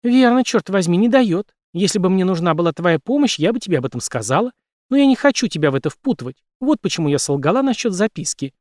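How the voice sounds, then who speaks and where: A man's voice: high voice, sing-song, quick pace, a little mellow, no room sound, clean studio sound, voice pushed up. A man voicing an angry, defiant young woman who scolds and swears in an audiobook. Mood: indignant. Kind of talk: audiobook character reading.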